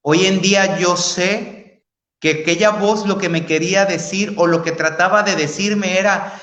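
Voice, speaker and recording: Slow, earnest man testifying. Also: high-pitched, steady tone, a bit bright. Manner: earnest, addresses listeners as brothers and sisters. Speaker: guest giving testimony. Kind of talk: emotional religious testimony. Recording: roomy echo.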